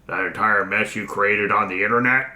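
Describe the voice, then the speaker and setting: Guy doing a gruff janitor, real deep and punchy, kinda echoey. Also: fairly even intonation, moderate pace, sharp tone. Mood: smug. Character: male janitor, smirking and blunt.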